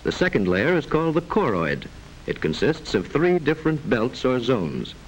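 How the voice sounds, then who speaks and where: Measured and instructive, a male narrator with a medium-pitched voice speaks in the formal style of a 1940s educational film, his intonation lively with rises and falls. The voice-over recording is rough, with a constant layer of old soundtrack noise beneath it.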